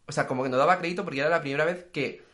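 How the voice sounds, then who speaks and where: Young male podcaster, rapid and chatty. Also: a little high. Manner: fast, slangy, animated storytelling. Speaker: podcast co-host. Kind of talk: casual chat.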